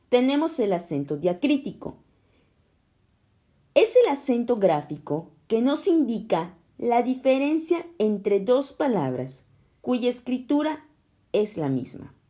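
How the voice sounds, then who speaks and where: Female teacher, scripted lesson voice-over for children; slow, warm-toned, very expressive pitch. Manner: slow, clear, explaining to children.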